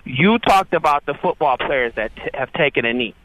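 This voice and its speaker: An American man in his fifties calling a radio show, arguing casually in a halting way and repeating his words. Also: fairly high pitch, expressive, no room sound, phone-quality sound. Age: 50s. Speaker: radio phone-in caller. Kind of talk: casual argumentative call-in talk. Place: phone call to a radio show.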